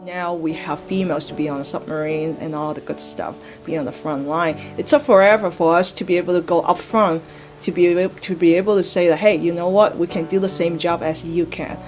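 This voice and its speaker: A woman's voice: on the low side, fairly even intonation, fairly quick, soft background music. A woman navy veteran from Hong Kong speaking in an earnest, heartfelt way in an interview. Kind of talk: interview testimony.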